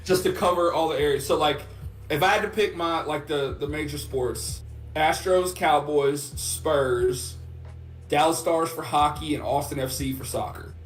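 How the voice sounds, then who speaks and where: Relaxed sports podcast guy, roomy sound. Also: fairly high pitch, normal speed. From Texas. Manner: relaxed, rambling with fillers. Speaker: podcast co-host. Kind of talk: casual sports chat. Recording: roomy sound from off mic, music underneath.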